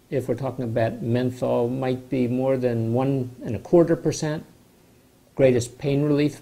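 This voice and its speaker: An older man with a dark, gravelly voice explains medicine to camera from his study. He speaks in a measured, explanatory way and sounds skeptical of the claims he covers. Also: medium pitch. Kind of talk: informal health explainer to camera. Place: home study with bookshelves, indoors.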